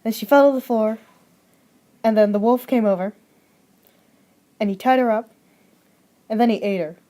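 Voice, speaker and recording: A young woman narrates a fairy tale she wrote for a school project. Her voice sits a little high and her delivery is plain and unpolished, chaining events with "and then." It sounds like a simple home recording. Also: moderate pace, mellow. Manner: plain storytelling with frequent "and then".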